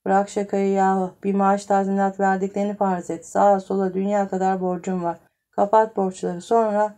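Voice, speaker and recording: A woman's voice: mid-range voice, level tone, moderate pace, dark tone, natural voice. A woman voicing a desperate fired clerk. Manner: agitated, complaining.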